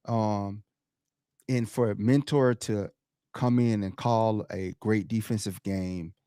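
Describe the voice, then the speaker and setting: A man co-hosting a podcast, talking sports in a casual, animated way, laughing and mimicking the crowd. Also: on the low side, slow, smooth, no room sound, studio quality. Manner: animated, laughs often, loud shouted impressions of the crowd. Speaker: podcast co-host.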